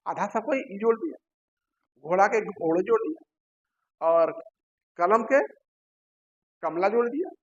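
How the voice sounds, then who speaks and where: A man teaching a lecture, posing questions to his listeners and answering them himself, repeating key terms slowly. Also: sits high, poor audio. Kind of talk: classroom lecture.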